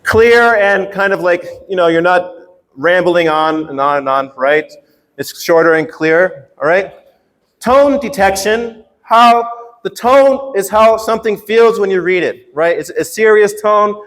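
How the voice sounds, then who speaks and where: The man running this English workshop has a high, slightly bright voice and sounds animated yet unhurried, keeping things casual and playful while checking in with his students. It's recorded in a large, echoey university room with long reverb.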